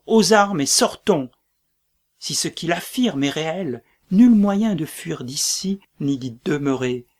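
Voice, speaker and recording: A man reading the part of a doomed tyrant king in a dramatic play reading, brooding and breaking into shouts. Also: medium pitch, breathy edge.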